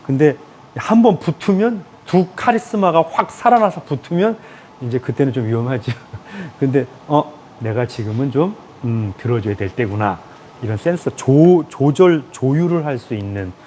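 A man giving a lively lecture in a room, acting out people in raised voices and laughing often. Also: mid-range voice, normal speed, slight background noise.

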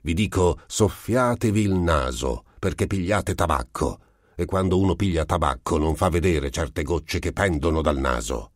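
A man reading an audiobook voices a gruff, irritable middle-aged man who answers curtly and shouts in alarm. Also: deep voice, animated, normal speed, no echo, clean studio sound.

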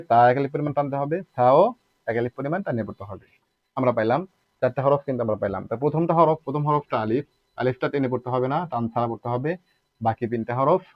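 Speaking in a mid-range voice, this male Quran recitation teacher walks through Arabic letter pronunciation with patient repetition, rhetorical questions and drawn-out example sounds. There's no echo, though the highs are cut off.

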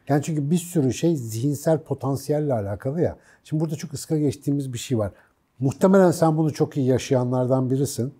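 A man's voice: medium pitch, mellow, slightly rough. A man co-hosting a talk show, speaking informally and colloquially about his own experience. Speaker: co-host. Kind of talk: casual chat.

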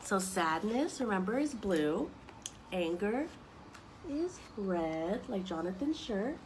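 Reading slowly in a really lively high voice, a young woman does story time for little kids, sharing a picture book with asides. She sits outdoors on a wooden deck among trees, and the camera audio is noisy. Her expressive delivery includes simple explanations for young children.

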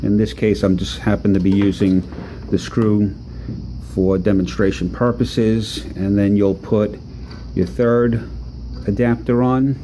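A man talking through a hands-on repair demonstration in a relaxed, halting way with many fillers, recorded off-camera at an indoor workbench. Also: lowish voice, background noise. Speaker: product demonstrator.

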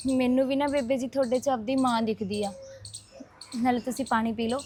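A caring young neighbour, played by a woman, soothing and reassuring. Her voice is high-pitched. She speaks in a short village drama. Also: steady tone, brisk, a little mellow, slight background noise, natural voice.

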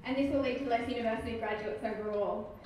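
A woman in her twenties giving a formal, measured answer as a pageant contestant. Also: on the high side, steady tone, darkish tone, recorded from a distance. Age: 20s. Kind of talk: formal prepared-sounding stage answer. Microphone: microphone on a stand, heard through hall. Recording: echoey hall from afar, faint noise.

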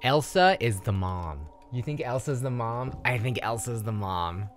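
A man's voice: medium pitch, expressive, a little slow, faint music behind. A man giving casual commentary as a streamer playing a horror game.

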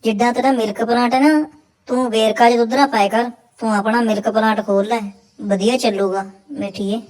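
A woman's voice: fairly high pitch, steady tone, fairly quick, a little mellow, low-quality recording. A woman with a Punjabi accent giving mocking reaction commentary in crude, sarcastic, bawdy banter.

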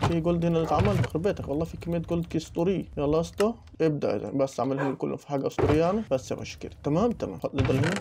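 A man's voice: fairly high pitch, background noise. A young man with an Egyptian Arabic accent giving casual let's play commentary, chattering and teasing the animals in the game. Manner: rapid chatter, joking insults at game animals. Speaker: gaming YouTuber.

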